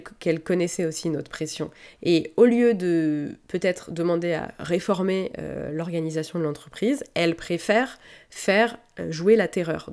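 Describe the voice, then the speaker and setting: A woman's voice: fairly low pitch, a little mellow. A woman who works as a lingerie seamstress, casually telling stories from sewing workshops and talking straight to her listeners. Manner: addresses listeners directly and conversationally. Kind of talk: casual storytelling monologue.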